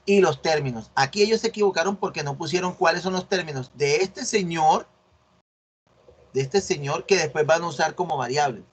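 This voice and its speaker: Fairly high-pitched and slightly rough, the man talks briskly. As a university teacher explaining a research assignment online, he takes a corrective tone and often asks "¿sí ven?" to see if students are following.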